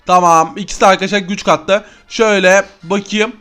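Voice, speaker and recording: A young man giving excited let's-play commentary to his viewers, exclaiming at every new find and talking straight to his audience. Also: high-pitched, a little fast, faint music behind. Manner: excitable, keeps addressing viewers as friends. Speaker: gaming YouTuber.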